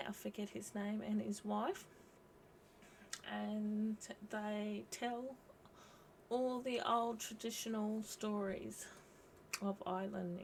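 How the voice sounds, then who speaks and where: A woman hosting a casual livestream, rambling reflectively in short phrases with frequent pauses. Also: mid-range voice, vocal fry, a little hiss or hum. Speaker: host of a live video commenting on folklore.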